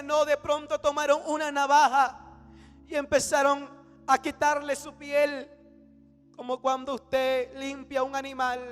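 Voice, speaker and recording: A man preaching a fiery sermon about a vision, swinging from shouts to hushed tones. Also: extremely high pitch. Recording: reverberant hall with faint music.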